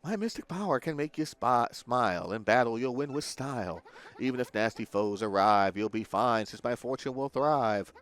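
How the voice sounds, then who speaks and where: A man's voice: mid-range voice, animated, moderate pace, fairly bright tone, lightly acted. A man voicing a cheery, mystical female fortune-teller shopkeeper from a video game, reciting rhymes in a sing-song way. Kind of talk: video game dialogue read aloud.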